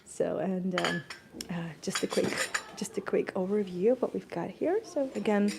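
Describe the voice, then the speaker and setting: Woman, casual live-stream chat, gravelly edge, noisy background, cozy café. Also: medium pitch, normal speed. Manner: chatty, grateful, laughs often, stumbles over words. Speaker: tour guide vlogger. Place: cozy indoor garden café.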